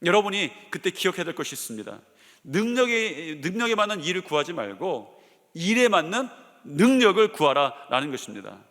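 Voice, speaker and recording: A man's voice: sits high, brisk. A male senior pastor from Chungcheong preaching a sermon, telling stories and acting out the voices of the people he quotes. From Chungcheong, Korea. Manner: lively storytelling preacher, acts out quoted voices and jokes. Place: large church sanctuary. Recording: long church hall reverb.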